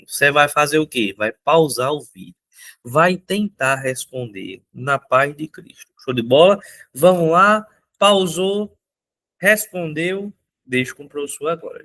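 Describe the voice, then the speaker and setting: A man's voice: a little high, pushed and bright. A male teacher, teaching an upbeat exam-prep lesson. He repeats key points and keeps asking his viewers questions.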